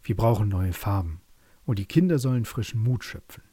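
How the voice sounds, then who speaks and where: A man voicing a kind, soft-spoken female flower fairy in a bedtime story. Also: lowish voice, expressive, a little fast, slightly rough, dry recording. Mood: gentle. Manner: soft, gentle, murmuring.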